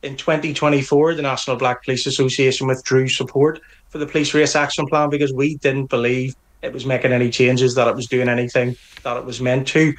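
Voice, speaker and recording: Fairly quick and level-toned, this middle-aged Northern Irish man answers an interviewer on behalf of a police association. His mid-range voice carries earnest firmness, with many restarted phrases.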